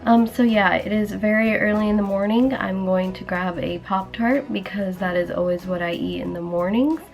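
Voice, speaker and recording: A young woman vlogging in a casual, chatty way, filling her talk with "like", her voice still rough from the morning. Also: mid-range voice, steady tone, normal speed, darkish tone, faint music behind. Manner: chatty, many "like" fillers. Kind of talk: casual vlog chat. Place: indoors at home, then a hospital.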